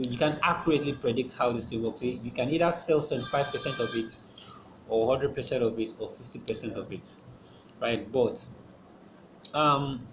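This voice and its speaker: A man hosting a casual screen-recorded tutorial, explaining step by step with many fillers and restarts. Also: medium pitch. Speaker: channel host explaining trading. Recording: noisy background ambience.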